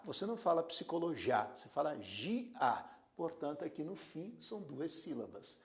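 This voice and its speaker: A man teaching a grammar lesson, speaking slowly and deliberately, repeating words syllable by syllable and asking the learner rhetorical questions. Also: a little high, sing-song, creaky. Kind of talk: classroom lecture.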